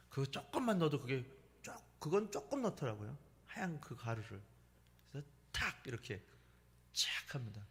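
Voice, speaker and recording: A middle-aged male pastor preaching a weeknight sermon in a conversational, storytelling way, laughing now and then. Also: medium pitch. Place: church sanctuary. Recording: long hall reverb.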